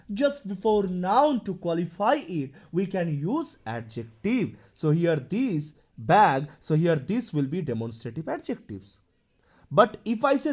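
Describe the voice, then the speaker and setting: Man as a grammar teacher, very animated pitch, dull lo-fi recording, poses questions and answers them himself. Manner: explains step by step, asks and answers his own questions, says "you know" often. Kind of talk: classroom grammar lesson.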